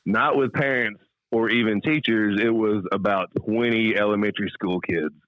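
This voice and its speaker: A man's voice: fairly low pitch, normal speed, no echo, muffled recording. A middle-aged American man, a stand-up comedian telling anecdotes casually as an interview guest and acting out quoted lines. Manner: animated storyteller, acts out quoted lines.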